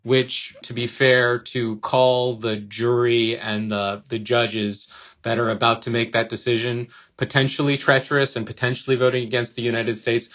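A man's voice: mid-range voice, flat delivery, moderate pace, a bit bright. A man explaining news events on a podcast as an editor and commentator. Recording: slightly dull, lo-fi sound.

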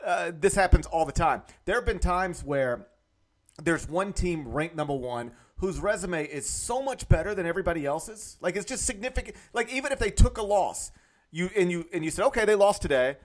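A man hosts a sports podcast with a North Mississippi accent. His voice sits a bit high for a man, and he talks through the games as conversational commentary. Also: animated, moderate pace. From Mississippi, United States.

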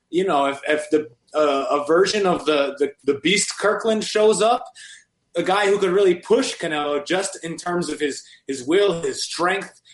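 Male podcast co-host, casual, halting delivery, higher voice, roomy echo. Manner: halting, many restarts and fillers. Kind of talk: casual sports chat.

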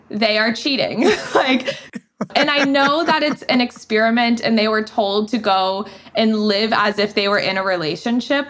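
A woman's voice: on the high side, a bit bright. Chatty, opinionated woman guest. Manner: chatty, opinionated, laughs easily. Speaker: podcast guest. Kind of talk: casual chat.

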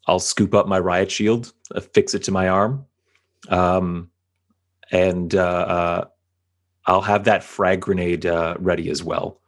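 A man's voice: low-pitched, fairly even intonation, slow. A man playing a tabletop game in character, deferential and calling the leader "sir.". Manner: deferential, says "sir" often. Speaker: player.

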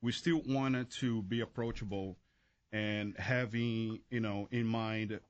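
A man from Brazil, a chef guest on a radio talk show, speaking in a relaxed, hesitant way with many fillers. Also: fairly low pitch, slow pace, lo-fi sound. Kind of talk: casual radio interview.

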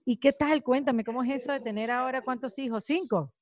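Curious woman host, higher voice. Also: a little fast. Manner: curious, prompting questions. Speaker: podcast host. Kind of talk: casual interview conversation.

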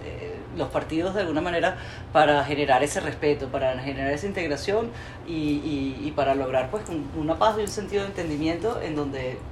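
Low-voiced Venezuelan woman host. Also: a little fast, noisy background. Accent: Venezuelan Spanish. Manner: animated, opinionated, colorful speech. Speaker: interview host. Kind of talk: casual interview chat. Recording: roomy with faint ambience.

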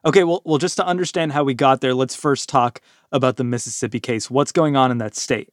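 A man's voice: medium pitch, steady tone, a little fast, no room sound, studio quality. An American man working as a podcast host, reading scripted lines and putting questions.

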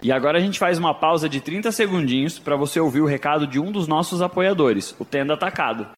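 Quick radio host with reverb. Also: male voice, a little high, animated. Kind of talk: radio break announcement. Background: faint music.

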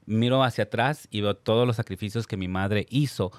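A man's voice: on the low side, brisk, dry recording. Earnest man, dry studio sound. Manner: earnest, emotional storyteller. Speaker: podcast co-host. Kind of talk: casual chat.

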